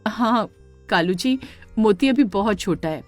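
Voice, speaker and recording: A kind, patient mother cow in a cartoon tale, voiced by a woman. She speaks soothingly, with a lively, rising and falling voice, recorded dry. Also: mid-range voice, unhurried, no room sound, faint music behind, lightly acted. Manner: soothing and reassuring. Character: gentle loving stepmother cow.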